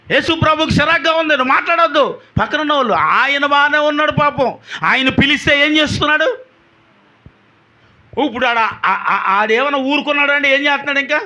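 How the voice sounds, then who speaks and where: High bright-voiced preacher, call-and-response. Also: male voice. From Andhra Pradesh. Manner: call-and-response, urging the congregation to answer. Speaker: pastor. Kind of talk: sermon.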